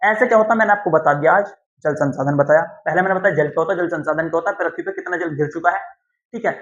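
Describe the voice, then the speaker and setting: A man's voice: on the high side, racing. A male teacher from Uttar Pradesh, India, giving a classroom lecture, repeating key terms and asking and answering his own questions. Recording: dull lo-fi sound.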